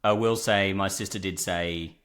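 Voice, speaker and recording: A young man from Australia co-hosting a casual chat show, chatty and quick to laugh, jumping from story to story. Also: low voice, steady tone, a bit bright. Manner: chatty, laughs often, jumps between stories. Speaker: podcast co-host.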